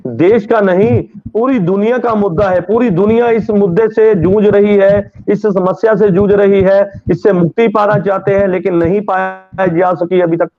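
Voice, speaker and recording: A man anchoring a TV news debate, brisk and firm, steering panelists along. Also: sits high, fairly even intonation, narrow, tinny audio.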